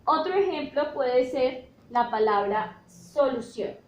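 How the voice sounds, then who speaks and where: Slow, patient woman teacher, echoey room. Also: sits high, expressive. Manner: checks in with "¿listo?" often, spells out letters. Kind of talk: slow classroom explanation. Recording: echoey room with faint noise.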